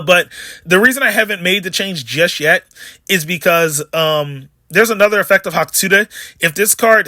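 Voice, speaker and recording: A man's voice: high voice, bright, forceful tone, no echo, studio quality. A man hosting a casual card game deck profile, chatting in a rambling, jokey way with plenty of asides. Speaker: card game video host.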